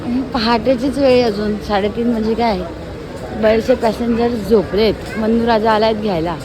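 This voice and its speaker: A woman's voice: a little high, steady tone, moderate pace. A woman chatting to her viewers in a casual travel vlog, filmed on a phone at a train station. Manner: chatty, addresses viewers directly. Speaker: family vlogger. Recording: crowd and traffic noise behind. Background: bustling crowd and vehicle noise.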